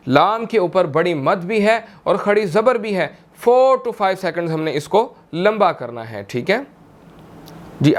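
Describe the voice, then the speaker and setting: A young man with a Pakistani Urdu accent teaches tajweed in a high, smooth voice. He speaks at an unhurried pace and patiently repeats single words to show how they should sound. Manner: patient, repeats words slowly to model pronunciation; slow melodic Quran recitation between explanations. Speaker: Quran recitation teacher. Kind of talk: tajweed lesson, explaining and demonstrating.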